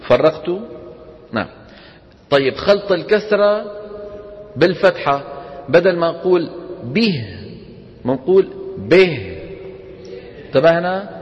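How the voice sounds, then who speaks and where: A man teaching a tajweed lesson to a class, explaining and then demonstrating slow, drawn-out recitation. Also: high voice, slight background noise. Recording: dull echoey lecture hall recording.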